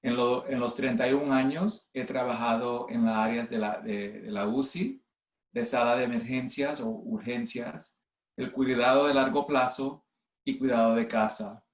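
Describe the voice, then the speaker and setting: Presenting to an online conference over a video call from home, this man in his fifties is a US-based nurse and clinical informatics specialist with a mixed, Puerto Rican–based Spanish accent. He speaks haltingly at a medium pitch and fairly even intonation, restarting often and slipping in English words, and the room sounds roomy.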